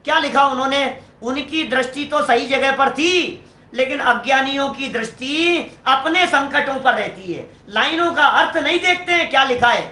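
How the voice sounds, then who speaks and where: High, bright-voiced male preacher. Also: moderate pace, roomy sound. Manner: lively, questioning the audience. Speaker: Jain preacher. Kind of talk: devotional sermon with sung hymn lines.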